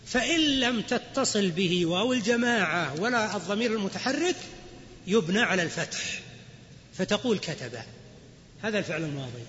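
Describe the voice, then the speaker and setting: Man, grammar lecture, quizzes students, high voice, dull lo-fi recording. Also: animated, normal speed, fairly bright tone, a little hiss or hum. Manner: explains then quizzes students. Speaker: Islamic scholar teaching grammar. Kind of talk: classroom lecture. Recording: lo-fi recording with long hall reverb.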